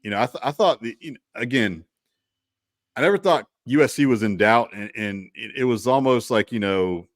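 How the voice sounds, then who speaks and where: A man's voice: mid-range voice, expressive, moderate pace, no echo, studio quality. A man co-hosting a casual college football talk show, rambling with frequent restarts and asides. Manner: rambling, restarts, lots of "you know". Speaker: co-host.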